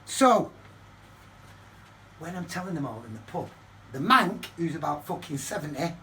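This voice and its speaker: An older man, from Manchester, telling a story to camera in his flat, swearing constantly and ranting heatedly. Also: fairly high pitch, moderate pace. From Manchester, England. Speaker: vlogger. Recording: distant mic with faint background noise.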